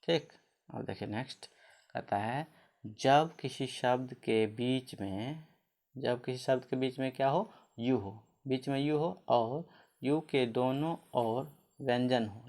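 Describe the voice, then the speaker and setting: A man's voice: mid-range voice, darkish tone. A man teaching English spelling and pronunciation rules, asking questions and answering them himself while spelling words out letter by letter.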